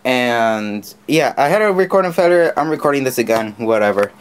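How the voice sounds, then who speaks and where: A man's voice: medium pitch, expressive, a little fast, clear, resonant tone. A teenage boy vlogging casually on a handheld camera, rambling with restarts as he walks home in the rain and then talks at home. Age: teens. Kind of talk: casual daily vlog.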